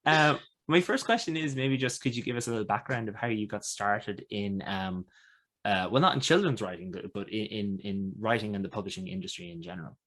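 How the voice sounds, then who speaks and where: An Irish-accented man hosts a podcast in a slightly low voice. He presents and interviews conversationally, with very little room sound around him. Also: brisk, fairly bright tone, dry recording.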